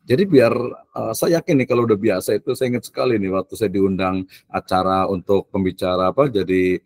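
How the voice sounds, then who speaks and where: A man's voice: deep voice, fairly quick, darkish tone. A male university lecturer giving a casual, joking lecture, with chatty filler tags and English phrases mixed in.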